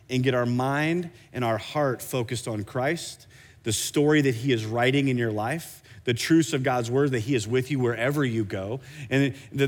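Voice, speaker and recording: Preaching man in a reverberant church hall. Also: medium pitch. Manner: animated preaching, repeats words when restarting. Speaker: pastor. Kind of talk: sermon.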